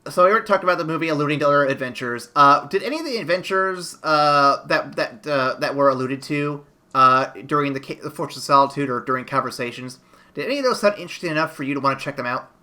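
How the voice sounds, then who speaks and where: A man's voice: on the high side, fast, bright, forceful tone. A man hosting a podcast, reviewing a movie in casual chat and rambling through restarts and fillers. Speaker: podcast host.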